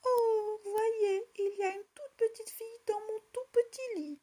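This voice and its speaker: A woman voicing a tiny bear cub, with high piping cries in a storybook tale. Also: big pitch swings, unhurried, slight background noise, exaggerated voice. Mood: alarmed.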